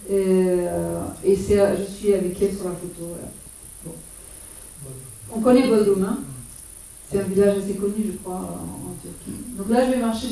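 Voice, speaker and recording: A middle-aged woman with a mid-range, dark-toned voice gives a casual slideshow talk about her solo walking pilgrimage. She hesitates a lot, filling gaps and restarting sentences. The room is very echoey, and she sits far from the mic.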